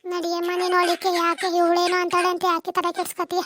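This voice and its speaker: A woman's voice: very high-pitched, completely flat delivery, fast talker, a bit bright, slight background noise. A woman voicing a defiant older mother in a cartoon drama, with a North Karnataka Kannada accent, scolding her son and his wife. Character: older mother, proud and protective of her daughter.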